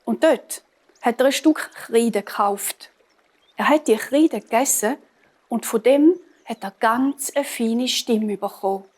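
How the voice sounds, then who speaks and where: Slow Swiss German storyteller woman. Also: on the high side, darkish tone. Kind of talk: fairy tale reading.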